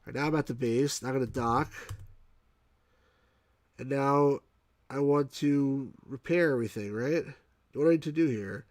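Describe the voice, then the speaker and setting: A man's voice: medium pitch, normal speed, long pauses, no echo. A man from New York with a mild New York accent, casually commenting on a game as he plays, thinking aloud and answering chat. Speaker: game reviewer streaming. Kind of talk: casual live gameplay commentary.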